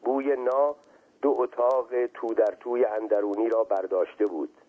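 A man with a husky voice reading a story aloud in a measured, even way, heard as a tinny radio reading. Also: medium pitch. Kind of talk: scripted narration of a story. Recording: tinny phone-like radio sound.

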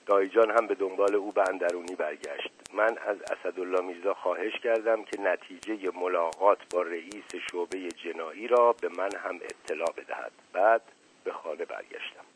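A man narrating a novel in a measured storytelling manner, in an audiobook reading. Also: sits low, slight background noise. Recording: narrow phone-like radio recording.

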